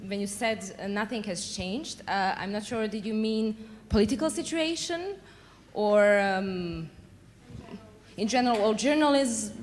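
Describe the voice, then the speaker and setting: A woman on a conference panel answers a question hesitantly, often restarting and repeating words. Her voice rings with a long hall reverb over faint room noise. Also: medium pitch.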